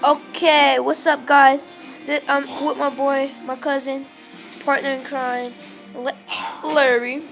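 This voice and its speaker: A woman's voice: high-pitched, little pitch movement, slow, creaky, music in the background. A woman hosting a casual reaction video, chatting and reacting squeamishly. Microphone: phone screen recorder. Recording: voice far from phone mic.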